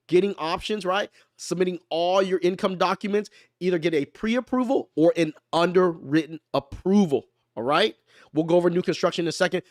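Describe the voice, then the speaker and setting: A man's voice: sits high, dry recording, clean studio sound. A man hosting a live stream, explaining things in a casual, slangy way and checking in with his listeners after every point. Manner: conversational, keeps asking "right?"; slangy and playful.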